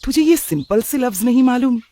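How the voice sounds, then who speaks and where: A man's voice: extremely high pitch, expressive, a little fast, mellow, no room sound, pitched above the performer's own voice. A man voicing a strict, middle-aged traditional father who scolds his son in a cartoon story. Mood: scolding. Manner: scolding, stern. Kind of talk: cartoon voice acting.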